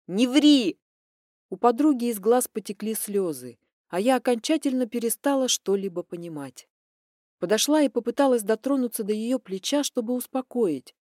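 Woman, audiobook narration, first person, expressive, mellow dark tone, dry close mic. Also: on the high side, normal speed, no room sound. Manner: expressive, dramatic storytelling.

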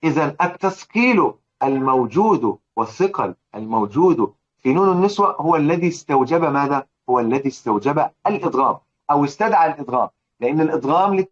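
A man's voice: fairly high pitch, animated, quick pace, highs cut off. A man with an Egyptian accent teaching a religious lesson on recitation rules, who drills his students with repeated rhetorical questions. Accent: Egyptian Arabic. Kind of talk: religious lesson explaining a poem.

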